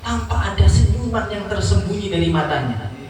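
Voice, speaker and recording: Guy preaching, high voice, acts out the stories, super echoey hall, far from the mic. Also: a little fast, a crowd in the background. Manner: animated storytelling, acts out dialogue with big pitch swings. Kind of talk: sermon.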